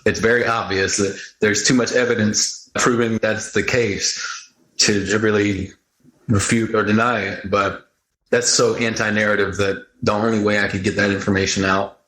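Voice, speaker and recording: Low-voiced man rambling in an echoey room. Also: little pitch movement, normal speed, sharp tone. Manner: rambling, inquisitive, speculative. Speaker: podcast host. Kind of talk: casual conversation.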